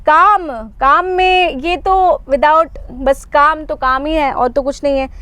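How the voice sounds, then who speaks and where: A young woman leads a live online exam-prep class, explaining things patiently, repeating her points, and frequently asking "isn't it?" to check in. Her voice sits high and sounds bright and forceful, with a slow pace and fairly even intonation. The recording is dry.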